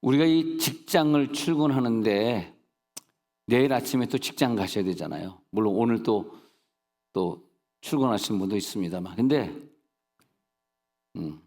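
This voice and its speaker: His voice is fairly low and darkish, animated, moving at a moderate pace with long pauses. This male senior pastor preaches in a church sanctuary, telling humorous folksy stories, dropping funny asides, and checking in rhetorically with the congregation, under long hall reverb.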